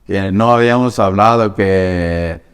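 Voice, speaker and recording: A man's voice: low voice, measured pace, clean tone, big-room sound. A middle-aged man from New York, an evangelical pastor, giving an earnest, emotional personal testimony in conversation and acting out quoted dialogue.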